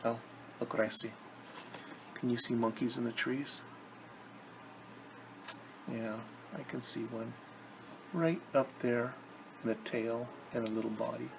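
A middle-aged man reads aloud to children as a teacher would, expressive and offering simple word explanations, from a home living room. His medium-pitched voice is steady and unhurried, with long pauses. He sits at arm's length from the camera, and room noise is clearly audible.

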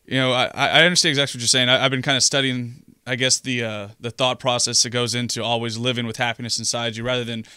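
A man's voice: medium pitch, flat delivery, fast talker, few pauses, sharp tone, clean tone, dry recording. A young man hosting a radio interview, chatty and eager, using lots of fillers in a small studio. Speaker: radio host. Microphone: studio mic on boom arm.

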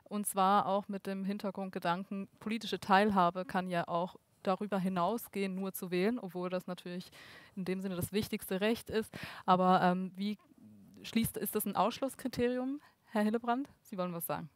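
A woman in her thirties moderating a panel in a studio, brisk and steering the talk. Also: medium pitch, steady tone, no echo. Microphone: headset.

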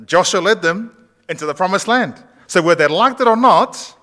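A man in his thirties pastors from the sanctuary, keeping his sermon conversational and putting questions to the congregation. He has a high, animated voice with a sharp tone and a moderate pace, heard through a far camera at the back of the church.

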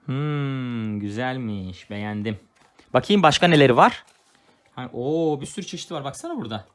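A man's voice: mid-range voice, animated, moderate pace. A father chatting playfully and coaxingly with his young daughter while they unbox a toy together. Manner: playful, coaxing, talks gently to a child. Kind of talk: casual family toy unboxing.

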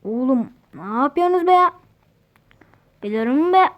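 A woman giving excitable, slangy commentary while playing a mobile game, often repeating words in chants. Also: high voice, moderate pace. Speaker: gaming channel host.

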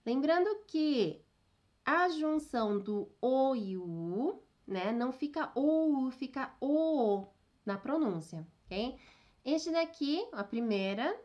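Lively, high-voiced woman teaching online. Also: slow pace, muffled recording. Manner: chatty, keeps checking in with "né?" and "ok?", laughs at herself. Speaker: Japanese teacher. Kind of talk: online language lesson.

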